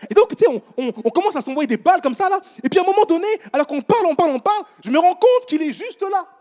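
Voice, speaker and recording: A man's voice: extremely high pitch, quick pace. A man in his thirties preaching a sermon in church, telling stories with casual asides to the congregation. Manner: animated storytelling with casual asides.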